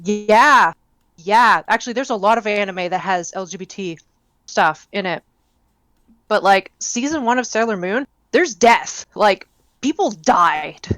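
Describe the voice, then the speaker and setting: A woman's voice: mid-range voice, animated, unhurried, fairly bright tone, dry recording. A young woman co-hosting a podcast, chatting casually and enthusiastically with lots of fillers. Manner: rambling, enthusiastic, many fillers. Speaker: podcast co-host. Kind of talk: casual chat.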